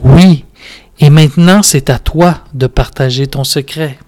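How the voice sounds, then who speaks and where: A man's voice: fairly high pitch, measured pace, a little mellow, faint music behind. A man with a Quebec French accent hosting a podcast, joking playfully while playing a game. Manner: playful, joking, laughing asides. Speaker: podcast host.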